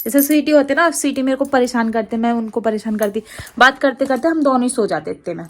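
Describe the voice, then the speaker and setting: A woman's voice: fairly high pitch, quick pace. A woman with an Agra-region Hindi accent, chatting casually to camera in a rambling, laughing way. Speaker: vlogger.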